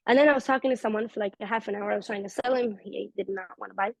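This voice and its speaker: As an interview guest, a woman from Israel shares personal stories in a casual conversation, her Israeli accent clear as she rapidly and animatedly voices the people she quotes. She has a creaky, mid-range voice, captured in a dry, dull lo-fi recording.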